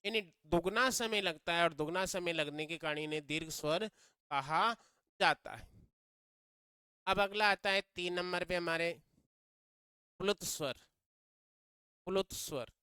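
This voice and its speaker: A man teaching a grammar lesson who drills each phrase by saying it again and again, then asks the class to answer back. His voice is bright and smooth, and it sits a little high. The sound is dry and close. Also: measured pace, pauses often, dry recording. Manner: repetitive, drilling phrases and quizzing students.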